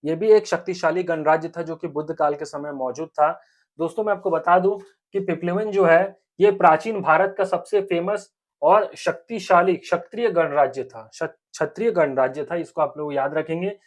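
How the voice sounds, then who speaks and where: A man's voice: fairly high pitch, normal speed. A young man teaching a history lesson for exam preparation. He keeps asking questions and answering them himself, repeats key points, and often checks in with the viewers as friends. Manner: repetitive, asks and answers own questions; frequent 'theek hai friends' check-ins.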